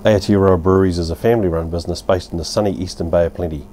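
Speaking rapid-fire in a low, mellow voice with fairly even intonation, a New Zealand man in his fifties reviews a beer at his outdoor home bar. Slight background noise is present, and his style is relaxed, blunt and rambling, peppered with fillers and mild swearing.

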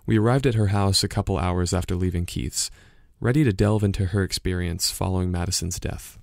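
An actor playing a curious young podcaster-investigator who narrates and questions in a measured way in an audio drama. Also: male voice, low voice, fairly even intonation, creaky, dry recording, clean studio sound. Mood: narrating.

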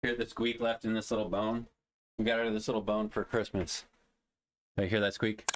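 A man casually vlogging while talking to his puppy in sing-song baby talk, his voice swooping up high, with faint noise behind him. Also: little pitch movement, normal speed. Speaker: gaming channel host.

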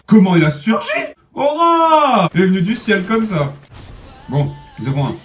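A man giving excitable gameplay commentary, swearing and yelling at opponents as he plays. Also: high-pitched, a little fast, distant mic. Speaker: gamer. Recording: echoey room, voice off-mic, music underneath.

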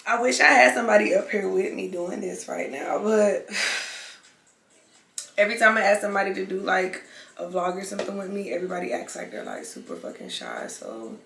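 In a casual mukbang filmed in an echoey room with faint background noise, a young woman chats to camera between bites. Her mid-range, fairly bright voice swings widely in pitch, moves fairly quickly and has vocal fry, and her talk is loose, slangy and full of swearing.

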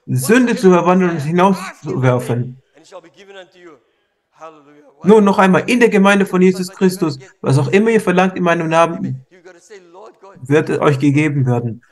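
A man interpreting a sermon live, speaking fervently, repeating himself and restarting words as he goes. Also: on the high side.

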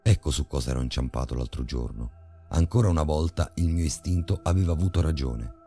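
A man narrating a horror story in a measured, grave way. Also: rumbling low, lively intonation, warm tone, faint music behind.

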